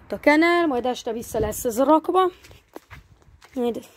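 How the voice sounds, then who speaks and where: A woman's voice: sits high, animated, slight background noise. A woman vlogging outdoors in a yard, filming her dog with a handheld camera and coaxing it in babying talk. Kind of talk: casual chat to camera and dog. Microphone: handheld camera she is filming with.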